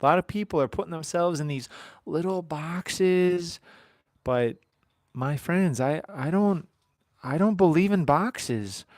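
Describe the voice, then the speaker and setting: A man's voice: fairly high pitch, takes it slowly, a little mellow, no echo, clean studio sound. A man in his thirties chatting casually on a live stream from his farm, rambling and joking with his viewers. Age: 30s. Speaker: livestream host.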